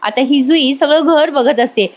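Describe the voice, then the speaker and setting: A woman's voice: high voice, unhurried. A woman narrating a voice-over recap of a TV serial in a chatty storytelling manner. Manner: chatty storytelling with tag words.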